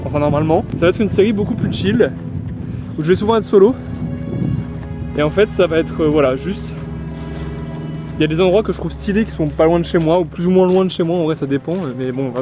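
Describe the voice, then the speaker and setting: A young man rambles in a chatty, upbeat way while casually vlogging on a walk through a forest. His voice sits fairly high in pitch but has a dark tone.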